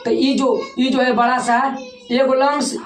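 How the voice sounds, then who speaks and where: Woman teacher, Bhojpuri-tinged Hindi accent, fairly high voice, drills terms and quizzes the class, echoey room with faint noise. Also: little pitch movement, a little slow. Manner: repeats key terms and quizzes students for answers. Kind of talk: classroom lecture.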